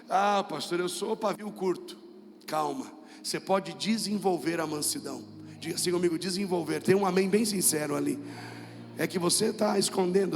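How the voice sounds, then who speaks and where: A high-pitched male voice, heard in a large hall with a slight hiss or hum. He's a pastor with a Brazilian Portuguese accent, preaching emphatically and repetitively and urging the congregation to repeat after him. Music plays in the church hall.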